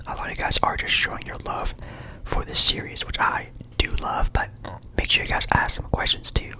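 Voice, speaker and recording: A young man from Portland whispering a relaxed, rambling ASMR chat in his apartment. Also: moderate pace. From Portland, Oregon, USA. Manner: soft rambling whisper, friendly and chatty. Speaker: ASMR creator.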